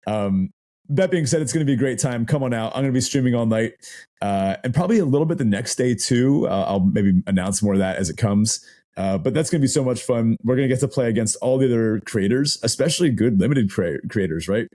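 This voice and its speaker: A man co-hosting a casual podcast, still a little hoarse from losing his voice, talking with chatty enthusiasm and frequent laughs. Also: medium pitch, lively intonation, quick pace, dark tone. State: hoarse, voice not fully recovered. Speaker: podcast co-host.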